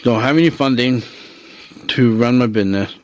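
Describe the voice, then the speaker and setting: A man's voice: mid-range voice, moderate pace, no echo. A man hosting a podcast, sharing faith-based personal reflections in an earnest, openly emotional, preacher-like way. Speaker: podcast host.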